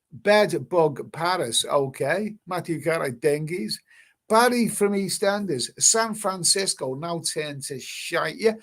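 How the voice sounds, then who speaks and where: Guy on a live stream, fairly high voice, rambles and repeats words, swears a bit. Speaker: live stream host reading chat. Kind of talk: casual live stream chat. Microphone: webcam stream mic.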